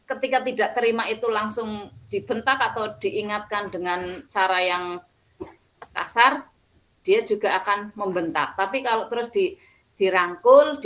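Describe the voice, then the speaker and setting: A woman teacher, speaking slowly and hesitantly in a group discussion, with fillers and soft laughs. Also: medium pitch, poor audio.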